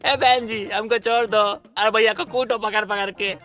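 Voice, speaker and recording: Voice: mid-range voice, fairly even intonation, moderate pace, fairly bright tone, faint music behind, close to an everyday voice. A performer voicing a cowardly village goon sidekick who complains and pities himself. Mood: complaining. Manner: complaining, rustic and self-pitying. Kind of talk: cartoon voice acting.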